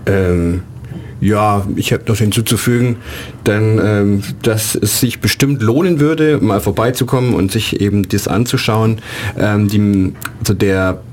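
A man's voice: lowish voice, measured pace, a little mellow, slight background noise. A man, an artist and exhibition organizer, giving rambling radio interview answers with many fillers.

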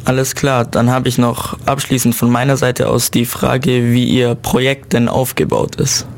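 A man's voice: medium pitch, normal speed, creaky, slight background noise. A man interviewing guests on the radio, asking brief formal questions. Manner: brief, formal, repeats "alles klar".

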